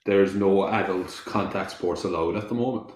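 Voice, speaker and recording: A young man co-hosting a podcast, chatting casually over a live football match, excitable, laughing and swearing freely. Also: low-pitched, normal speed. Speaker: podcast co-host. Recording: roomy echo.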